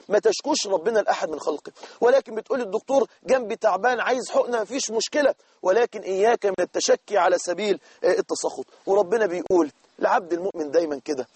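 A man's voice: sits high, darkish tone, husky, no echo. A man with an Egyptian accent preaching a sermon, earnestly urging the listener. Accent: Egyptian Arabic. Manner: earnest, exhorting, addresses listener directly.

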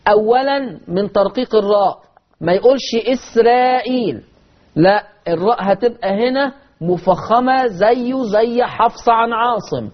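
Egyptian male recitation teacher, high-pitched, question-and-answer style, stretches sounds to demonstrate, muffled lo-fi sound. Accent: Egyptian Arabic. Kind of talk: recitation lesson.

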